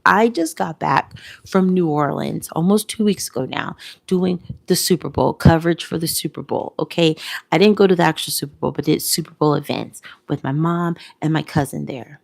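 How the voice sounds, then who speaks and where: A woman talks into a close mic in a heartfelt vlog, tearful and sometimes sinking to a whisper. Her voice sits low, with a gravelly fry running through it, and she repeats her phrases. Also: normal speed. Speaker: content creator. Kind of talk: emotional reflective vlog.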